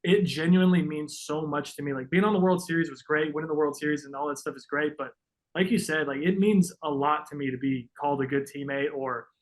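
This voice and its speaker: A man speaks as a guest on a casual podcast. He is emotional, and his voice sits a little high. He tells his stories in a sincere, reflective way. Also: steady tone, brisk, rough recording.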